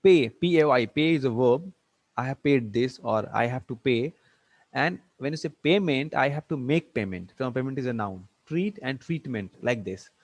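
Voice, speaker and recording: A man teaching an online English grammar lecture, halting with many fillers and restarts, spelling words out letter by letter, over a video call. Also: medium pitch, lively intonation, poor audio.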